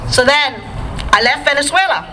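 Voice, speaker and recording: A woman's voice: high-pitched, lively intonation, normal speed, sharp tone, a little hiss or hum, rough recording. A woman from Guyana gives an emphatic, rousing political speech outdoors at a riverfront rally, calling out to the crowd. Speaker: rally speaker.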